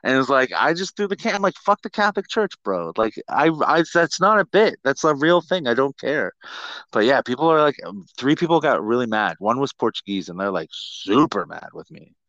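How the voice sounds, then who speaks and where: A middle-aged man hosting a podcast, telling stories casually and comically in a sweary, self-mocking, animated way. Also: medium pitch, a little fast, no echo, lo-fi sound. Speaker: podcast host.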